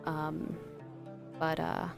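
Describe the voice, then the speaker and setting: A woman's voice: low-pitched, completely flat delivery, very slow, gravelly, music in the background, full character voice. A woman voicing a robed male clergy member who greets visitors in a formal, courteous way.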